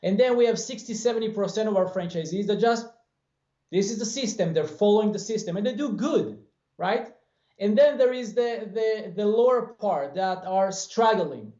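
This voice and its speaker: Appearing as an interview guest on a video call, this Israeli-accented franchise owner in his forties gives earnest, motivational answers while moving his hands. His high, dark-toned voice has lively intonation and a moderate pace. Picked up by a webcam in a bare room, the sound is roomy and dull.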